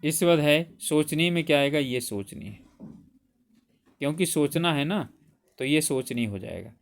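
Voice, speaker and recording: A man's voice: on the high side, animated, unhurried. A man teaching for an exam, who explains step by step and asks and answers his own questions. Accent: Hindi. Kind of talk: exam prep lecture.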